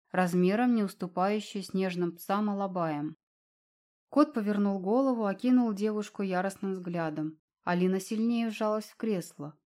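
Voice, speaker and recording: Female audiobook narrator, measured and expressive storytelling, mid-pitched, reading a fantasy chapter. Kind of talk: scripted narration.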